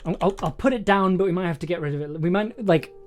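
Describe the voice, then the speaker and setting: A streamer with a mid-range, darkish voice talks fast while writing a story live, musing aloud in a playful, giggly, casual way. Music plays behind the voice, along with the sound of computer keyboard typing.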